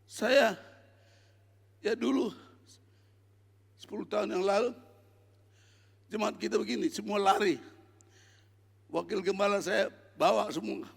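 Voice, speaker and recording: An older man preaching a sermon as pastor, emphatic and exhorting, often shouting his points. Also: high-pitched, fairly even intonation, measured pace, vocal fry, long pauses, breathy edge. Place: church hall. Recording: long reverb of a hall.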